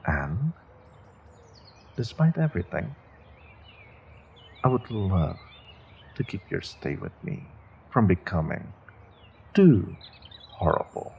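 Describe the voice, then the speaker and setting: A man performs a scripted fantasy audio roleplay as a menacing, controlled evil sorcerer taunting his prisoner in an intimate second-person monologue. His deep, exaggerated voice swings widely in pitch, moving slowly with long pauses, a creaky texture, slight mellowness and a breathy edge. He sounds condescending and menacing, speaking to the captive with theatrical deliberation.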